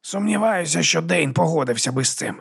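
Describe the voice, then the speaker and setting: A man's voice: a little high, expressive, a little fast, vocal fry, a bit bright, husky, pitched above the performer's own voice, exaggerated voice. A man voicing a blunt brash werewolf woman. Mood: wry.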